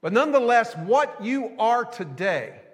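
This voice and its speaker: A male pastor delivering a sermon in a folksy storytelling way, pausing between phrases to let them land. His voice sits high for a man. A long reverb from the sanctuary trails behind every word. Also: big pitch swings, fairly bright tone. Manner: folksy storytelling, drawn-out rhetorical pauses.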